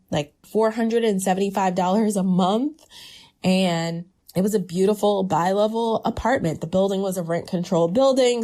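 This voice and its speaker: Mellow-voiced woman giving business advice. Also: medium pitch. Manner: conversational, emphatic, laughs lightly. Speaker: business coach. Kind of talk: casual advice talk.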